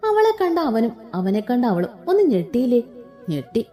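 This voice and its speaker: A woman narrating a story aloud in an expressive, dramatic reading style. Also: on the high side, normal speed, faint music behind.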